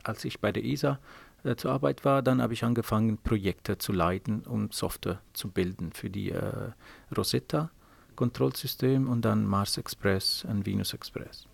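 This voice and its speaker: A middle-aged Italian man, a software engineer for space missions, answers interview questions in hesitant, Italian-accented German packed with filler sounds. His lowish voice is creaky and moves at a moderate pace. The dry recording was made in an office at a space operations centre.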